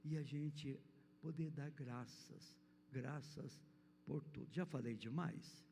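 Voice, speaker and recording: A man's voice: mid-range voice, slow, vocal fry, warm tone. An older man with a Brazilian Portuguese accent, preaching and telling a children's story in a church hall in a rambling storyteller's manner. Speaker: church speaker. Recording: reverberant church hall, faint noise.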